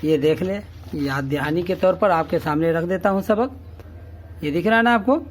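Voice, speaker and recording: A man teaching a reading lesson, speaking slowly and patiently. He drills each syllable over and over and keeps checking that the learner follows. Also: on the high side, slight background noise. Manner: slow, patient drilling, repeating each syllable three times; often asks "ٹھیک ہے؟" to check understanding. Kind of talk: classroom-style reading lesson.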